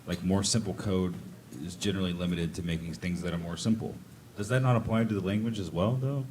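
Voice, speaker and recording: A man's voice: sits low, quick pace, a little mellow, a little hiss or hum. A man from the audience asking a long question, hunting for words and restarting as he goes. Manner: searching for words, many fillers and restarts. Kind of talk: casual spoken question.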